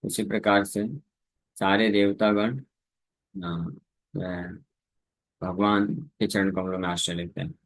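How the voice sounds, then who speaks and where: A man's voice: sits low, level tone, vocal fry. A man preaching a scripture lecture, explaining Sanskrit verses in Hindi with English words mixed in and sometimes singing the verses. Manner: sings verses slowly between spoken explanation.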